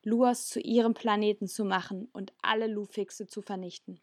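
A woman's voice: medium pitch, steady tone, normal speed, no echo, clean studio sound, close to an everyday voice. A woman voicing a grave alien elder woman explaining a danger in a storybook reading.

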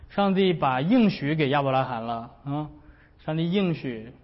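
A man's voice: a little high, normal speed. A man preaching a sermon as a pastor, in a chatty, humorous way that often breaks into laughter. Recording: dull recording with long hall reverb.

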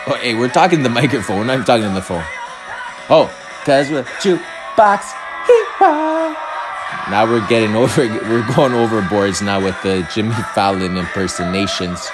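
Rambling man over loud music. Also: on the low side, fast, few pauses. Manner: rambling, restarts, bursts of shouting. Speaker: host reacting to videos. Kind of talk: casual rambling reaction commentary. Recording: music playing loudly under the voice.

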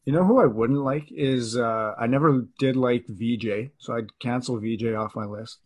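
A man's voice: medium pitch, moderate pace, darkish tone, husky. A man co-hosting a casual podcast over an online call, talking in an offhand, rambling way with many fillers, his voice warbling through a glitchy connection with auto-tune-like artifacts. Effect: glitchy bad call connection with warbling, auto-tune-like artifacts. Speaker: podcast co-host.

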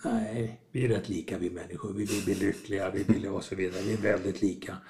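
A man's voice: deep voice, flat delivery, a little mellow, a little hiss or hum. A man talking as a podcast guest, reflective, often acting out small dialogues as he explains. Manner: reflective, acts out little dialogues. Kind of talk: conversational podcast talk.

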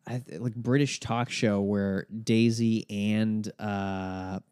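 A man in casual podcast chat, talking frankly and in a relaxed way, sometimes in quick bursts. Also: fairly low pitch, clear, resonant tone, dry recording, studio quality.

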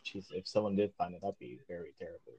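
A man's voice: low voice, fairly even intonation, fast, vocal fry, warm tone, slightly rough. A young man hosting a casual podcast, hesitant and full of fillers. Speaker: podcast host. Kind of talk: casual chat. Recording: dull lo-fi home recording.

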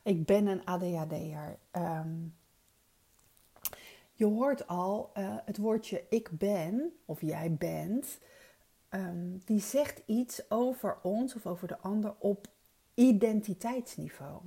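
Breathy woman coaching, hesitant and thoughtful. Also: medium pitch, slow, dark tone. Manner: thoughtful, many fillers and restarts. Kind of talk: casual spoken coaching talk.

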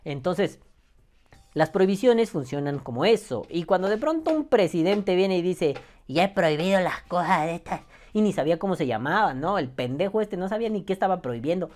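A man's voice: high-pitched, very animated, fairly quick, darkish tone. A Mexican man hosting a podcast, ranting casually in a profane, sarcastic, rambling way. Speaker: podcast host.

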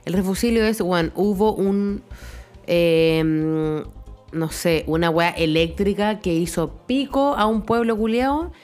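A woman's voice: fairly low pitch, slow, darkish tone, faint music behind. A young Chilean woman co-hosting a casual chat, rambling with confident slang. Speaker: podcast co-host.

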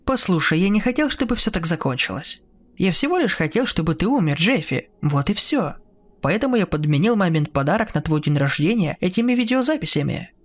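A man's voice: high-pitched, very animated, fairly quick. A man voicing a cold, taunting adult brother who mocks his sibling in a horror story reading. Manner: mocking and sneering.

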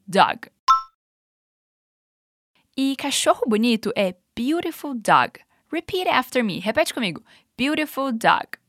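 A woman with a Brazilian Portuguese accent, an upbeat, encouraging English teacher running clear repetition drills. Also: fairly high pitch, sing-song, slow pace, pauses often, a bit bright, no room sound, clean studio sound. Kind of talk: language lesson with repetition drills.

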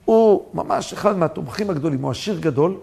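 A rabbi giving a sermon full of stories, preaching emphatically and rising to shouts on his key points. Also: on the high side, lively intonation, creaky, husky.

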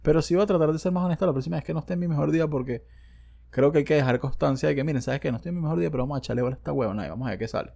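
Talking rapid-fire in a warm, creaky voice on the high side, a Venezuelan-accented man hosts his own casual podcast at a studio microphone. He rambles, uses plenty of slang, and tosses in self-mocking asides.

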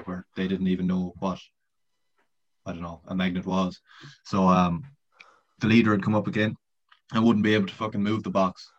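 A man speaks as a podcast guest in casual chat, telling a rambling story with swearing and frequent laughter. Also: deep voice. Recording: dull lo-fi podcast audio.

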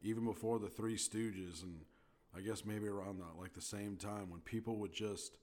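A young man in casual chat, animated and laughing, swearing freely. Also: fairly low pitch, moderate pace.

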